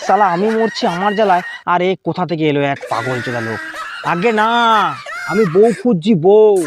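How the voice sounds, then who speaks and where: This young man's high-pitched, sing-song voice moves briskly over background noise as he acts out a sketch comedy with multiple characters. His delivery shifts from whiny pleading to grumbling.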